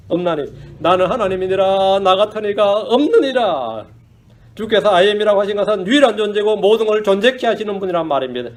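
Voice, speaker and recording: A male pastor preaching a sermon in an animated way, asking the congregation questions and mixing in English phrases. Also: sits high. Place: church.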